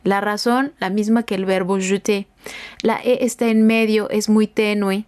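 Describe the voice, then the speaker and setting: A woman teaching French grammar as a language lesson, explaining slowly and carefully and repeating example sentences. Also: medium pitch, little pitch movement, a little mellow. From Mexico.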